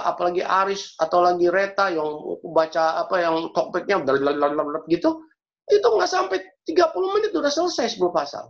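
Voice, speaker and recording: A man preaching and praying as a pastor, speaking earnestly and repeating key phrases for emphasis. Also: sits high. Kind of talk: sermon and prayer. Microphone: video call. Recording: dull lo-fi video call audio.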